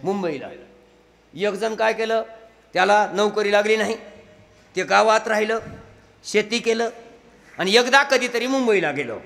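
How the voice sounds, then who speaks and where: A man in dialect delivering a humorous kirtan sermon, telling a village story with acted voices and shouts. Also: high voice, vocal fry, in a large hall. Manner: lively storyteller acting out village dialogue, shouting and laughing. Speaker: kirtan preacher.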